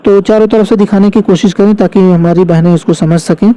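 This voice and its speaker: A man giving a patient, step-by-step spoken lesson, repeating key phrases slowly and carefully. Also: high-pitched, steady tone, mellow. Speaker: religious instructor. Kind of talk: instructional demonstration.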